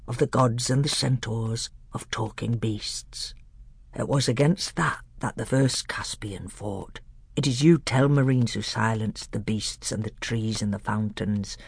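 A man voicing an old male scholar tutor who speaks low, slow, hushed and grave in a storybook reading. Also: no echo, studio quality.

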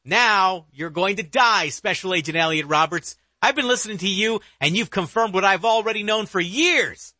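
A man's voice: high-pitched, normal speed, few pauses, bright, forceful tone, no echo, pitched above the performer's own voice. A man voicing a menacing male killer who taunts his victims from the darkness, his voice raised well above his own. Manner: gloating, taunting.

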